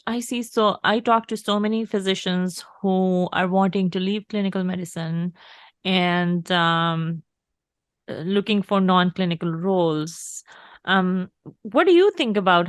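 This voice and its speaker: A woman hosts a career coaching podcast, asking questions in an upbeat, encouraging, conversational interview style. Her medium-pitched voice moves at a moderate pace, with dry, clean studio sound.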